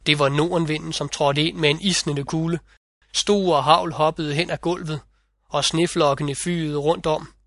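A man's voice: on the high side, fairly even intonation, fairly bright tone, no room sound, studio quality. A man narrating a fairy tale in an audiobook reading.

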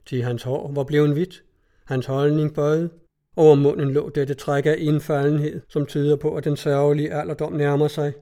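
A man reading a literary story aloud in a measured, even storytelling manner. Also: fairly high pitch. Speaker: audiobook reader. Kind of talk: scripted literary narration.

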